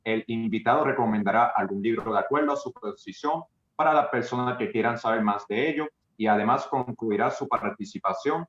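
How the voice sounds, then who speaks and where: A man moderating a church livestream, with formal, blessing-filled announcements over a video call. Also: fairly low pitch. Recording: echoey, dull lo-fi sound.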